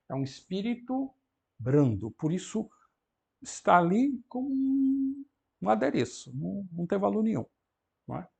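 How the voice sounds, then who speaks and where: A man teaching an introductory Greek class, explaining pronunciation slowly and deliberately and often adding tag questions. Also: a little high, vocal fry, breathy edge. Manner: slow and deliberate, frequent "não é?" tag questions. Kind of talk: university lecture.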